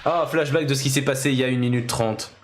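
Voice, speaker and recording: A man streaming video games, chatting casually, reacting with quick jokes and frequent swearing. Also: medium pitch. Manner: reactive, swears, jokey asides. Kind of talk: casual gaming commentary.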